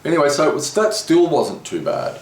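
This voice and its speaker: A man telling a story in casual conversation, animatedly acting out what others said. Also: a little fast. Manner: animated retelling, voicing others with rising pitch. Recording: echoey room with faint background noise.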